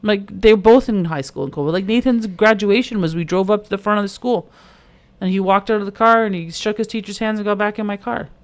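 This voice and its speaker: A middle-aged woman co-hosting a podcast, talking in loose, animated stories. Her voice has a gravelly fry at the ends of phrases. She leans on "like" constantly as she chats. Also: medium pitch, a little fast. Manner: chatty, fillers of "like", animated storytelling. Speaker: podcast co-host. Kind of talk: casual chat.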